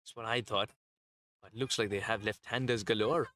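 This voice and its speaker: A man calling a cricket match live, breaking down tactics and bowling in long, analytical explanations. His voice is bright and forceful, recorded close and dry with no room sound. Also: lowish voice, fairly even intonation, moderate pace, no echo. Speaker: cricket commentator.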